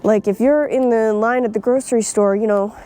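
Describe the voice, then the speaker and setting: A woman's voice: on the high side, fairly even intonation, brisk, dark tone, a little hiss or hum. A young woman vlogging outdoors, talking bluntly and swearing freely, with frequent laughs. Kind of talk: casual opinion vlog. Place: outdoors in nature.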